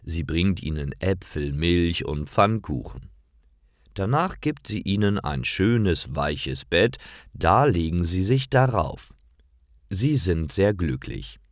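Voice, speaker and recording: A man with a deep, low voice tells a fairy tale at a careful, slow pace. His intonation is very lively, rising and falling expressively. The sound is dry and close to the mic. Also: no room sound. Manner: slow, clear, lively storytelling. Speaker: storyteller. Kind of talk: slow fairy-tale narration for German learners.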